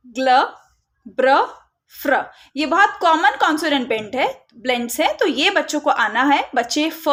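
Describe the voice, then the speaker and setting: A woman giving a phonics lesson for parents, modelling letter sounds slowly and mixing in English terms. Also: sits high, fairly bright tone. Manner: mixes Hindi with English terms. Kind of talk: instructional tutorial.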